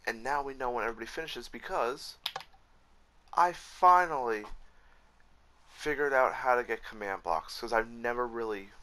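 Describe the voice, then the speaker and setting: A man's voice: lowish voice, bright, forceful tone, slight background noise. A man giving casual, frustrated commentary while rebuilding a game map, swearing often and correcting himself as he goes. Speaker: Minecraft YouTuber.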